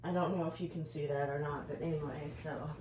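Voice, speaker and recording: A woman's voice: low voice, steady tone, fairly quick, noisy background. A woman chatting casually to camera as a vlogger, in a hesitant, rambling way that trails off.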